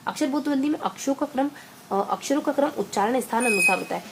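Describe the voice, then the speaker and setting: A woman teaching an exam-prep lesson in a chatty way, repeating phrases and throwing in quick asides. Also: high voice, expressive, heavy background noise.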